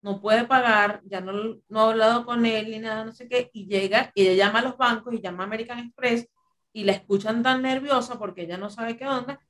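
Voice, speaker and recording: A woman's voice: on the high side, a little fast. Rambling woman telling a story. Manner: rambling, animated retelling with filler phrases. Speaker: podcast co-host. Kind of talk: casual storytelling chat.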